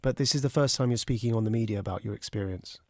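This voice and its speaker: Man, radio host, gravelly voice, dry studio sound, earnest questions. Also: medium pitch, fast talker, a little mellow, dry recording. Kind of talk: radio phone-in interview.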